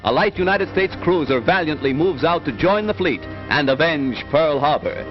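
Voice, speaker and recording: A man's voice: fairly high pitch, expressive, normal speed. A man narrating a 1940s newsreel in an emphatic, rousing, declamatory style, on an old newsreel soundtrack. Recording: dull lo-fi 1940s film sound with music. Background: music.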